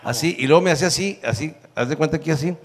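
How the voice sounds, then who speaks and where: A man's voice: on the high side, racing, long reverb tail. A man in his sixties from northern Mexico, with a northern Mexican accent, telling a crude, profane stand-up story and laughing through the punchlines. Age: 60s. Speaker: comedian.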